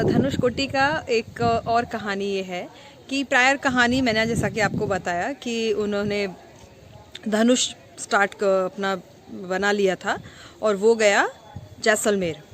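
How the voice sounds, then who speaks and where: A young woman giving a walking tour and telling a temple story outdoors, chatty and stopping for fillers as she mixes in English words. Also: on the high side. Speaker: travel vlogger. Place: busy temple street outdoors. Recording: loud street noise outdoors. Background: traffic and crowd ambience.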